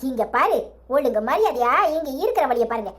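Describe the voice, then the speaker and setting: A woman plays a bossy old village grandmother in a cartoon, scolding her family in a Tirunelveli accent. Her voice is fairly high and sharp. She talks in short, commanding bursts. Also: sing-song, fairly quick. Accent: Tirunelveli Tamil. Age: older. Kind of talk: cartoon voice acting.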